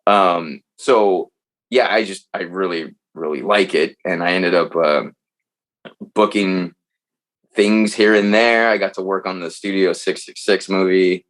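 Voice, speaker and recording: A man talking as a podcast guest, telling stories in a loose, animated way and swearing freely. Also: low voice, unhurried. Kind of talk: casual chat.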